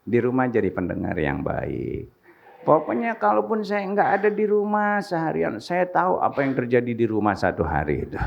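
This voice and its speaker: A man preaching a sermon as pastor, in a joking, punchy way with sudden loud rises, with in his speech. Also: medium pitch, big pitch swings, moderate pace, vocal fry, highs cut off, a little hiss or hum. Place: church hall with congregation.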